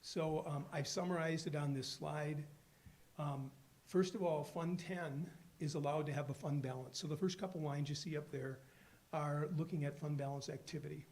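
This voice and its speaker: A man with a hoarse voice from a cold, giving a formal budget presentation at a school board meeting, explaining steadily with frequent fillers. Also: fairly high pitch, steady tone, normal speed, darkish tone. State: hoarse from a cold, losing his voice. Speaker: school district finance official presenting the budget.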